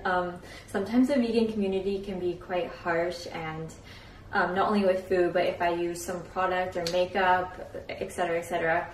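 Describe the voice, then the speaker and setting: In a small home kitchen, a young adult woman vlogs casually to a handheld camera, chatty and enthusiastic, using frequent fillers. Her voice is mid-range, and the rough recording has a little hiss or hum, with background music underneath.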